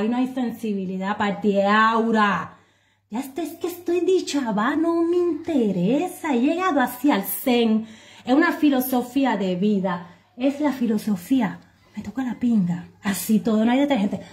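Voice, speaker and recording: A Cuban woman vlogging to her viewers, telling anecdotes in a sarcastic, animated way and swearing freely. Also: fairly high pitch. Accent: Cuban Spanish. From Cuba. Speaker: vlogger commenting on current affairs. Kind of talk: casual monologue to viewers.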